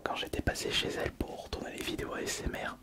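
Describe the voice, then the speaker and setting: Man whispering ASMR, right in your ear. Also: quick pace. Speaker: ASMR video host.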